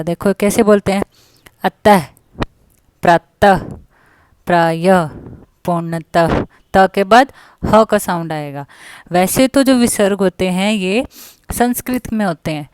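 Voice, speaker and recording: A woman's voice: medium pitch, darkish tone, dry recording. Patient woman teacher in a dry booth. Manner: patient, repeats and checks understanding with children; slows down to sound out words carefully. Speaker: primary school teacher. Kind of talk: online class lesson.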